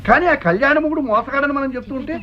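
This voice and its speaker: A scheming, boastful middle-aged father in an old comedy film, bossing his son around as he hatches a plan. His voice sits high and he talks quickly. The recording is muffled and lo-fi, with faint hiss. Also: bright, forceful tone.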